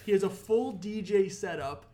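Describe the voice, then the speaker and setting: A young man with a high voice hosts a casual chat. He tells his story in a loose, animated way, swearing as he goes. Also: normal speed. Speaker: podcast host. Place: apartment room.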